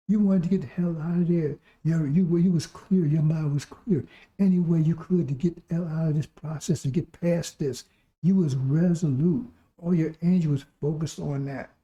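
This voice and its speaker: A man preaching with a hoarse, recovering voice, exhorting through repetition and rhetorical questions. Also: fairly high pitch, dark tone, dull audio. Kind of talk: sermon.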